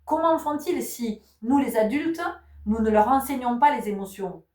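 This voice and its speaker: Her voice on the high side, animated and darkish in tone at normal speed, a spiritual channel host delivers a teaching talk. She repeats key words, poses lots of rhetorical questions and says she's not offering medical advice, with a roomy recording that places her far from the mic.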